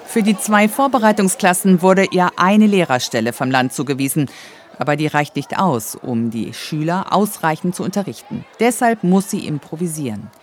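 A woman narrating a scripted news report calmly and clearly. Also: on the low side, moderate pace, some chatter behind, slight background noise.

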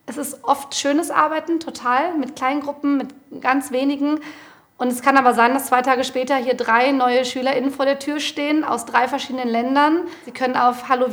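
A woman's voice: high-pitched, a bit bright. A woman teacher answering interview questions casually, with fillers.

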